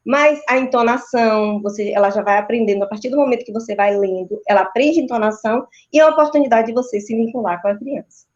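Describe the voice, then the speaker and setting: A woman's voice: on the high side, quick pace, few pauses, darkish tone. Brazilian woman explaining, lo-fi audio. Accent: Brazilian Portuguese. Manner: didactic, frequent tag questions. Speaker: maternal and child sleep consultant. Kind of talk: explanatory interview answers. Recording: dull, lo-fi video call audio.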